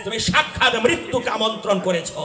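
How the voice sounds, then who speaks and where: Brief: man as devout young warrior, earnest and urging, high voice, echoey hall. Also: animated, a little fast, music in the background. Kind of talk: folk religious drama recitation.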